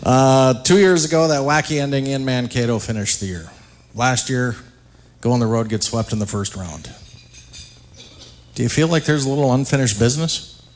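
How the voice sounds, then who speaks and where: A man's voice: mid-range voice, moderate pace. Chatty man hosting a radio broadcast. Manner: relaxed, chatty questions with many fillers. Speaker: radio play-by-play host. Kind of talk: live radio interview at an event. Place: large arena banquet hall.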